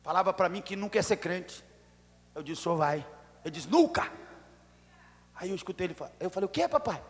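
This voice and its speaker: A Brazilian pastor preaching in a church, his high-pitched voice carrying a long reverb through the hall. He tells his story dramatically, sinking to near whispers and then bursting into shouts. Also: fairly even intonation, quick pace. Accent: Brazilian Portuguese. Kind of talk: sermon.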